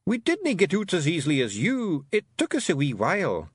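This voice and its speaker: Guy putting on a loud bossy scottish pixie boss, tiny fighter, pitched up high and bouncy, super dry sound. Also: huge pitch swings, normal speed, breathy edge, no room sound, full character voice. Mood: blustering. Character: boisterous tiny male pixie clan leader.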